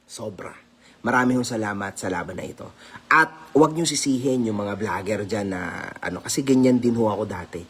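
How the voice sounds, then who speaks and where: Husky, laughing male vlogger. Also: lowish voice, brisk, a bit bright. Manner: teasing, laughs often, mixes English into Tagalog. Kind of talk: casual commentary vlog.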